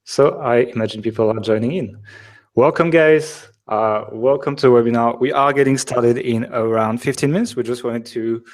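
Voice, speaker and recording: A man with a French accent hosts a live online webinar in a relaxed, conversational way. He jokes with his co-hosts and fills his sentences with plenty of "uh"s and "like"s. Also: medium pitch, moderate pace. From France. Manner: chatty, joking, many fillers. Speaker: webinar host. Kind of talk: casual live webinar chat.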